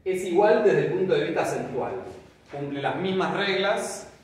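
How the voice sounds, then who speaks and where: A man teaching a Greek class in a lively, explanatory way, often checking with his students. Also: high-pitched, normal speed, recorded from a distance. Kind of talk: classroom lecture. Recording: very echoey room, voice off-mic, faint ambience.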